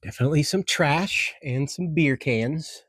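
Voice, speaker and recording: Relaxed, chatty male travel vlogger. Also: on the high side, unhurried, slightly rough, dry recording. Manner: relaxed, chatty, easily impressed. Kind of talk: casual travel vlog narration. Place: desert campsite and caves outdoors.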